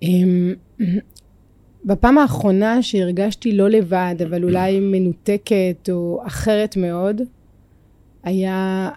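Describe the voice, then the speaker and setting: A woman's voice: medium pitch, steady tone, warm tone, dry recording. A woman from France with a French accent in Hebrew, a native French speaker, talking reflectively as a podcast guest and searching for her words. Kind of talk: reflective personal interview.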